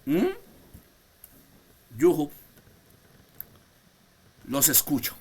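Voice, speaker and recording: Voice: mid-range voice, animated, extremely slow, a little mellow, slightly rough. An apostle teaching a Bible class over a video call, preaching with fervor, asking the students rhetorical questions and calling on them by name. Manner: emphatic, calls on listeners by name, rhetorical questions. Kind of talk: fervent preaching lesson to students.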